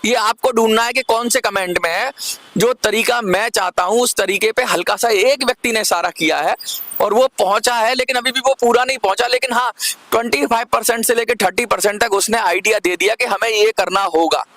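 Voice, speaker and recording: A man speaks straight to his viewers in a high, gravelly voice, pressing his argument and repeating key points. His tone is bright and tense, and the sound is dry and close with no room around it. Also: fairly quick, no echo. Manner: persuasive, asks viewers to comment. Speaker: channel host. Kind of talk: direct-to-camera commentary.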